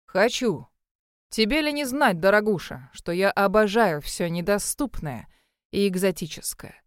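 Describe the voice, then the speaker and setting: Woman reading as a gloating domineering shipowner man, smooth voice, dry close sound, audiobook character. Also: medium pitch, animated, measured pace, no echo, close to an everyday voice. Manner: smug, dreamy, domineering. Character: arrogant scheming male ship owner.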